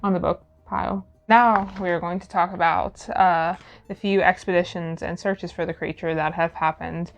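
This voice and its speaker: A woman's voice: lowish voice, steady tone, normal speed, soft background music. Giggly young woman sharing podcast research. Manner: giggly, chatty, reads out notes. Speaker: podcast co-host presenting research. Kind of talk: casual podcast chat. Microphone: studio mic.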